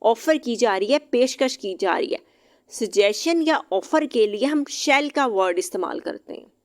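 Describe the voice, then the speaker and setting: A woman teaching English vocabulary, reading each English example slowly and then explaining it briskly, sometimes spelling words out letter by letter. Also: a little high, animated. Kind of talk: vocabulary lesson explained in Hindi-Urdu.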